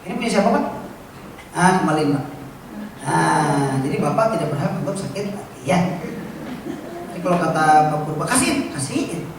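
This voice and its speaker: A man's voice: a little high, expressive, normal speed, long pauses. Playful male pastor in an echoey church. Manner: playful, teasing, asks the congregation questions. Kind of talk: sermon with a live illustration. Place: large church hall. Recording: very echoey church hall from far off, faint noise.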